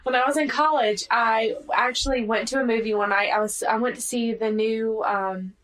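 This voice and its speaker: A young woman co-hosting a podcast, telling a story in a soft, giggly voice at a desk mic. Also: fairly high pitch, steady tone, moderate pace, low-quality recording. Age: young adult. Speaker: podcast co-host. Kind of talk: casual chat.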